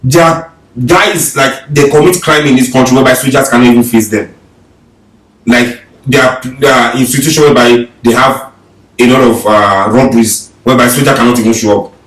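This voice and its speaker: Casting: Nigerian man, animated podcast storyteller, mid pitch, roomy and distant sound. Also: brisk. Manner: animated storytelling, mixes in Yoruba. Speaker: podcast host. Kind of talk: casual podcast chat. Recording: echoey room, mic at a distance.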